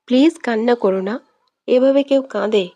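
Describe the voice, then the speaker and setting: A woman voicing a possessive young man who speaks softly and low but turns harsh and commanding when angry, in a romantic audio story. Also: normal speed, highs cut off, close to an everyday voice. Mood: soft, coaxing. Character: stern possessive young man, tender yet quick-tempered. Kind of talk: scripted audio drama reading.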